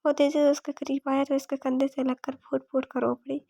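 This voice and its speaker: A woman narrating a romance novel in a steady, even reading. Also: sits high, fairly quick, gravelly, lo-fi sound. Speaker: audiobook narrator.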